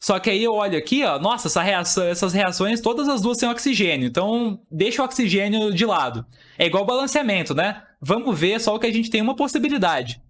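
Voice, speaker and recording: A man's voice: high-pitched, animated, fairly quick, a bit bright. A young man teaching an exam-prep chemistry lesson, explaining step by step and asking and answering his own questions.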